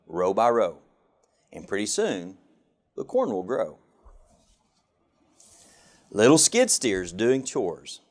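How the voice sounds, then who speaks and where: In this storybook read-aloud, a man who works as a government official takes his time with a children's picture book. His voice is on the lower side, and he gives the lines a lively, sing-song lilt.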